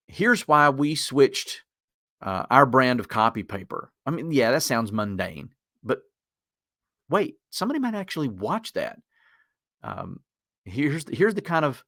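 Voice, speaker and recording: A man's voice: medium pitch, fairly bright tone, no room sound, clean studio sound. A man with a Southern Appalachian accent giving an informal, conversational instructional webinar in a folksy manner. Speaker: webinar presenter.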